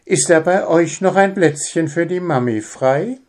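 A man's voice: fairly high pitch, unhurried, darkish tone, voice pushed up, natural voice. A man voicing a kindly, affectionate female mole mother in a children's storybook. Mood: sweet.

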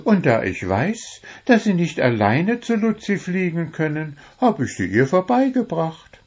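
A man voicing a cheerful, meddling little male kobold in a high, bubbly, chatty voice. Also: sing-song, a little slow, darkish tone, slightly rough, exaggerated voice. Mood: cheerful teasing.

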